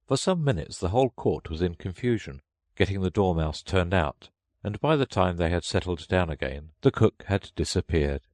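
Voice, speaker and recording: Male narrator for children's read-along: deep, expressive intonation, dry close sound. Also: normal speed, dry recording. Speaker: storybook narrator.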